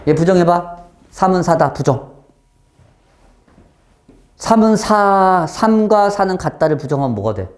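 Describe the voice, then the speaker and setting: Math teacher, male, classroom lecture; animated pitch, keeps quizzing students. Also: a little slow, pauses often, a little hiss or hum. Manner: lively, questioning, keeps checking understanding.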